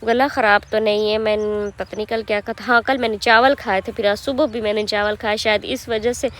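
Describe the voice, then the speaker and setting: A young woman, slightly hoarse, chatting casually to viewers as she vlogs while walking through farm fields. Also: fairly high pitch, steady tone, fairly quick, fairly bright tone. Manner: chatty, rambling, addresses viewers directly. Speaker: village vlogger and mother. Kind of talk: casual walk-and-talk vlog.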